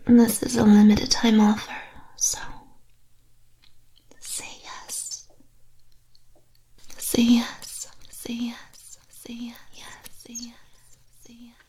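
A woman's voice: on the high side, little pitch movement, low-quality recording. Woman whispering as a teasing witch hypnotist. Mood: coaxing. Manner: soft whispering, slow repetitive coaxing. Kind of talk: ASMR roleplay.

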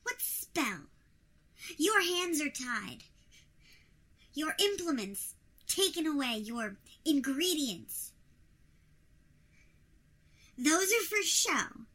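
A woman doing a shrill, indignant tiny queen. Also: very animated, very slow, pauses often, pushed and bright, heavily acted. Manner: imperious, indignant, protesting.

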